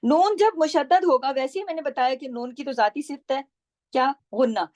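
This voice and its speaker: A woman teaching Quran recitation rules, patiently explaining and slowly repeating syllables to model each sound. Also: high voice, a little mellow, no room sound. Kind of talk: tajweed lesson, explaining pronunciation.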